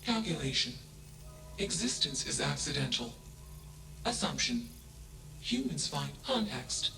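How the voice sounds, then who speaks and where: A man voicing an emotionless male AI that speaks in flat, clipped keywords, in video game dialogue with an echo and music underneath. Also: medium pitch, a little slow, gravelly, full character voice. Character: emotionless male AI mind, cold and literal. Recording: echoey game audio over music.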